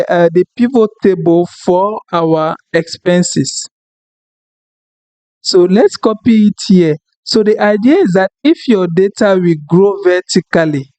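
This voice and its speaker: A French-speaking man, French being his first language, narrates a screen-recorded software tutorial as the instructor. His high-pitched voice is unhurried and apologetic, and he thinks aloud with plenty of fillers. There's no echo.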